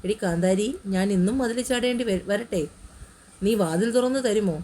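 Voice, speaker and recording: A woman's voice: medium pitch, normal speed, warm tone, a little hiss or hum, lightly acted. A woman voicing a teasing, tender young man in a romantic audio story.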